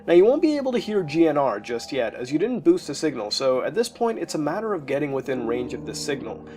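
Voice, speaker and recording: A man's voice: a little high, very animated, fast talker, a little mellow, faint music behind. A man casually narrating a creepy internet story for a video, with the occasional filler as he goes. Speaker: YouTube narrator.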